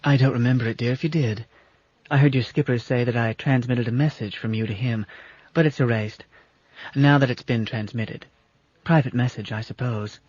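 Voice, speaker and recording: A man reading an audiobook voices a calm, soothing female computer who speaks softly and gently. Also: mid-range voice, moderate pace, no room sound, lightly acted. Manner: calm, soothing, soft-spoken. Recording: dull lo-fi audiobook recording.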